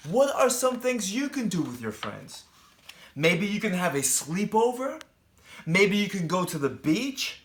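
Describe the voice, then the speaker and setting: A male teacher with a high, somewhat bright voice reads a picture book aloud to young children. He adds chatty asides and asks the kids questions directly.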